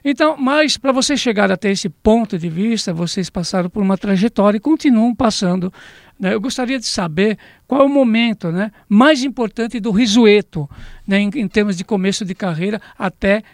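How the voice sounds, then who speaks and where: A man's voice: sits high, normal speed, no room sound, studio quality. A man hosting a radio interview, asking long, winding questions full of tag questions. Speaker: radio host.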